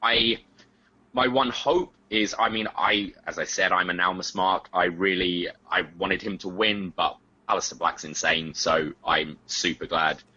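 A man with a deep, raspy voice and a sharp, forward edge chats casually as a wrestling co-host. He offers a fan's opinions a little haltingly, over dull lo-fi audio. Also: fairly even intonation. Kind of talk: casual chat.

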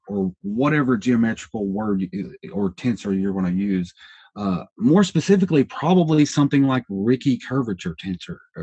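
A man's voice: fairly low pitch, darkish tone, breathy edge, no room sound. A man in his thirties, a podcast guest, explaining ideas in a rambling, self-correcting way, hedging as he thinks aloud. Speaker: podcast guest, independent researcher. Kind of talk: casual explanatory interview talk.

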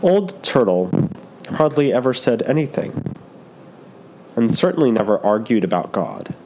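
A man slowly reading a picture book aloud in a gentle, unhurried way. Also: medium pitch, sing-song, a little hiss or hum, low-quality recording. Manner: gentle, unhurried, soft delivery. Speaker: storyteller.

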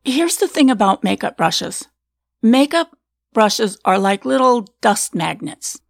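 Middle-aged woman, skincare pro hosting a live Q&A; calm and explanatory, some vocal fry, dry close sound. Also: a little high, slow, dry recording. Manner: calm, explanatory, answers chat questions.

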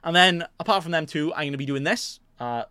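A man's voice: on the high side, fairly quick, pushed and bright, clean tone, dry recording. Rambling self-mocking young man. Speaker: podcast host. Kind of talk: casual rambling chat. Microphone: desk mic in front of a green screen.

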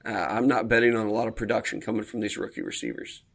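A fast-talking man with a lowish, gravelly voice co-hosts a podcast, chatting casually about football. He hedges his points with fillers.

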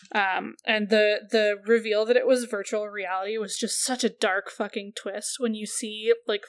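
A woman's voice: medium pitch, bright, forceful tone. A woman co-hosting a casual podcast chat about a film, chatty and swearing freely, with lots of "like". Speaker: podcast co-host.

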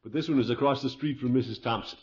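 A man acting a fretful, pompous, soft-hearted middle-aged uncle in a 1950s radio sitcom, blustering and hemming with theatrical sighs. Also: medium pitch, quick pace, natural voice. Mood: worried. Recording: dull, noisy old radio recording.

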